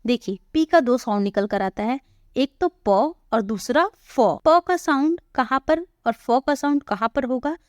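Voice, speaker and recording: A woman's voice: fairly high pitch, dry recording. Woman teaching pronunciation, close and dry. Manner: patient, repeats example words slowly and asks questions. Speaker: English teacher. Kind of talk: spoken English pronunciation lesson.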